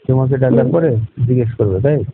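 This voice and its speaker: Evasive boyfriend played by a man, defensive, pleading, mid-pitched, phone-line drama with faint hiss. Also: quick pace, close to an everyday voice. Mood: placating. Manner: defensive, pleading, repeats questions back. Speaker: boyfriend in staged phone call. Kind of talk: staged phone-call drama.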